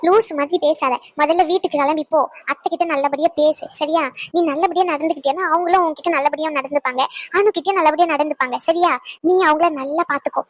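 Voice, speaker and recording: A woman's voice: high-pitched, no echo, close to an everyday voice. A woman voicing a caring young woman in a cartoon who coaxes and advises her friend. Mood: coaxing. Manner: coaxing, advising, quick. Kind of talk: cartoon voice acting.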